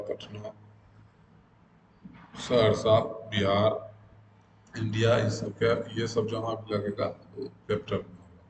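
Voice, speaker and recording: A man teaching English grammar in a classroom style, explaining step by step and slowly repeating terms. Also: lowish voice. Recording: echoey room with clear background noise.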